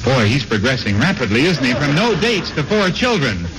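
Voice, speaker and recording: A jovial, teasing middle-aged man hosting a radio game show, giving quick stage directions, heard from an old broadcast transcription disc. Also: mid-range voice, very animated. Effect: played from an old broadcast transcription disc. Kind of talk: playful radio show banter before a live audience. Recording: loud surface noise of an old transcription disc.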